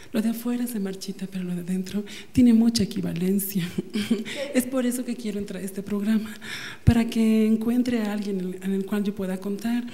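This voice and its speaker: A Mexican man in his twenties, from Mexico City, giving a comic audition, soft and giggly, holding a handheld mic in an indoor casting room. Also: sits high. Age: 20s. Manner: soft, sweet and giggly, gushing about tenderness. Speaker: audition candidate.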